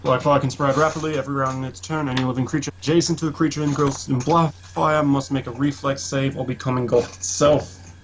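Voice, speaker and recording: A man's voice: medium pitch, level tone, fairly quick, a little hiss or hum. A man at a tabletop game session, talking through the rules aloud in casual chat and swearing freely. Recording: slightly muffled lo-fi mic.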